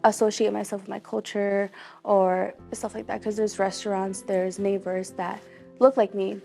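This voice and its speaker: A woman's voice: medium pitch, gravelly, a little mellow. A young woman from Mexico, a college student, sharing her personal story in a casual, earnest way with many fillers. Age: young adult. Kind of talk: personal testimony.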